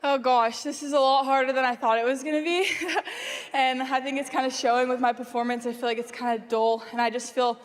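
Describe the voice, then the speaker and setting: A woman athlete, somewhat tired, chats informally and a little giggly in a post-event interview. Her voice is fairly high and rings in a big hall. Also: steady tone, fast, few pauses. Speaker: competing athlete being interviewed. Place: large indoor competition venue. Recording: reverberant large venue.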